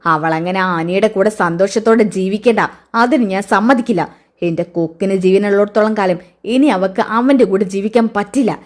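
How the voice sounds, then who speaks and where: A woman voicing a bitter police officer who vows revenge, in a lowered voice. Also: normal speed, lightly acted. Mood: vengeful.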